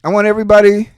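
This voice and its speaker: A man's voice: high-pitched, a little mellow, smooth, no room sound, clean studio sound. A man hosting a podcast, giving heated casual commentary in a profane, mocking way. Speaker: podcast host.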